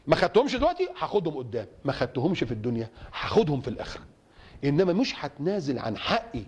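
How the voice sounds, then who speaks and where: Lively, fast-talking Egyptian preacher man. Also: fairly high pitch, slightly rough. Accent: Egyptian Arabic. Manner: emphatic, rhetorical, repeating phrases for stress. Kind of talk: impassioned sermon.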